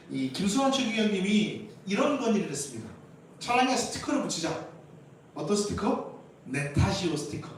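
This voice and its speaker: A man with a Jeolla dialect preaching a lively Sunday sermon, asking questions and acting out quarrels in playful voices. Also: a little high, a little hiss or hum. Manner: animated, acts out quarrels in playful voices, asks the congregation questions. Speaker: pastor. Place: church sanctuary. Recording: very echoey church hall from a distance.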